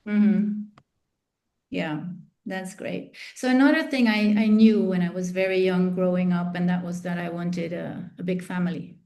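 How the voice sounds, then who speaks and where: A middle-aged woman with a fairly low voice. She tells her life story as a podcast guest, thinking aloud with fillers and restarts. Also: fairly even intonation, normal speed, dark tone. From Netherlands. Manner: thoughtful, with many fillers and restarts. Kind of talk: interview storytelling.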